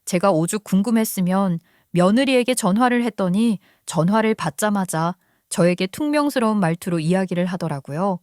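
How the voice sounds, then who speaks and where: An older woman narrates a personal family story in a calm, confiding, scripted way. Her voice sits at a middle pitch and sounds dry and close to the mic. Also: moderate pace, no echo.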